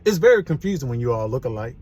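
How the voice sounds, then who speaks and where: A man's voice: medium pitch, very animated, fast, darkish tone, husky, voice pushed down. A man reading aloud as an earnest male elementary school principal.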